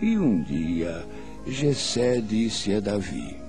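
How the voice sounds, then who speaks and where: An older man, speaking as a grandfather, narrates a Bible story for children in a solemn, deliberate, dramatic storytelling manner. His voice is fairly low with a sing-song lilt, and music plays beneath it.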